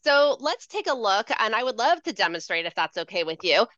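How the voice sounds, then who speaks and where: A woman educator giving a playful, animated handwriting demonstration over a video call, calling out strokes in a sing-song teacher voice. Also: medium pitch, fairly quick, no room sound, muffled recording.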